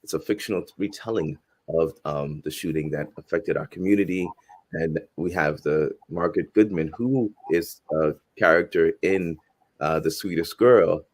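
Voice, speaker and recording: Deep-voiced man in his forties. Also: normal speed. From Haiti. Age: 40s. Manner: earnest, reflective, frequent restarts. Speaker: guest filmmaker and professor. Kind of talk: casual interview conversation.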